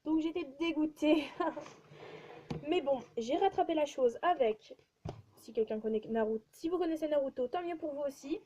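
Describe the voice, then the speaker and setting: High, mellow girl rambling about her drawings. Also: normal speed. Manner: chatty, rambling, many fillers and restarts. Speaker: vlogger showing her drawings. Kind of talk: casual chat. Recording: dull lo-fi sound with faint noise.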